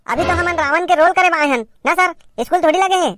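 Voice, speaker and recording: A woman's voice: very high-pitched, fairly quick, fairly bright tone, a little hiss or hum. A woman with a Chhattisgarhi accent performing a comedy sketch as a cheeky pupil who talks back to her teacher.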